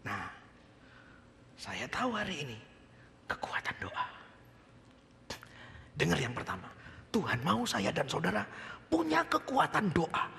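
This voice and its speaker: A man from Indonesia, preaching a sermon with a personal testimony, swinging between shouts and hushed whispers. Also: a little high, wildly swooping pitch, measured pace, creaky, long pauses, a little hiss or hum. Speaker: pastor. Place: church. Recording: reverberant church hall with faint ambience.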